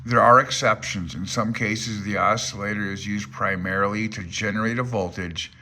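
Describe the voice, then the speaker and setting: This amateur radio hobbyist presenter speaks at a normal speed, his voice on the low side, pushed and bright, with fairly even intonation. He reads from a handbook casually, adding his own comments as he thinks aloud with a self-deprecating, uncertain air.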